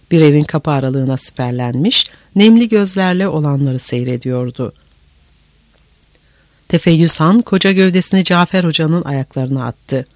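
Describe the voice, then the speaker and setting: A man narrating a historical novel as an audiobook in a dramatic, measured way. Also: a little high, dry recording.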